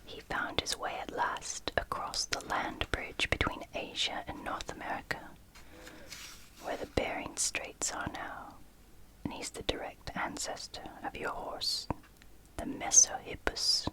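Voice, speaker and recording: Slow, hushed library whisper, ASMR host. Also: rough recording. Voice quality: soft unvoiced whisper. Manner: library whisper, slow and gentle, pausing between short phrases. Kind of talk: whispered ASMR, reading and commenting on a picture book.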